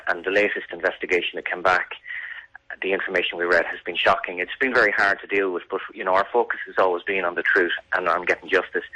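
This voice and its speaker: A man's voice: low-pitched, pushed and bright, poor audio. A man giving serious, earnest answers as an interview guest, emphatic and often repeating words. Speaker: radio interview guest, victim's family campaigner.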